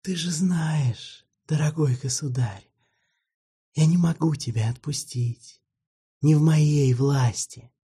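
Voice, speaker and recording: A man doing a soft-spoken, courtly old vampire. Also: on the high side, husky, pitched above the performer's own voice, full character voice. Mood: sorrowful, gentle. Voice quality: soft, half-whispered, drawn-out. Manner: slow, ornate, mournfully polite. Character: ancient weary male vampire, courtly, gently ironic.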